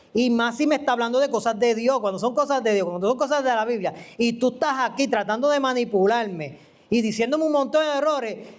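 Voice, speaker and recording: High-voiced animated preacher. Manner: animated, asks the listener questions and acts out quoted voices; conversational and teaching. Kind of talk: sermon. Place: church.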